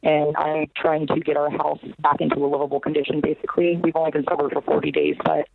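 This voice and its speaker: A woman calling in to a talk show over the phone, speaking nervously and haltingly with many fillers. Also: low-pitched, little pitch movement, vocal fry, dry recording. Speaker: caller. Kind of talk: call-in talk show caller. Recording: tinny phone line with faint noise.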